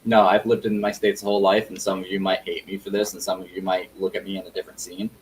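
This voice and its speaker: A man's voice: sits low, level tone, quick pace, slight background noise, rough recording. A man talking candidly and plainly in a casual group video call.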